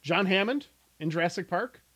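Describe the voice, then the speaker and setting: A man who co-hosts a podcast and works as a game master for tabletop games chats casually and tells stories playfully. His voice sits high and is expressive, fairly bright, and slightly rough, at normal speed with no echo.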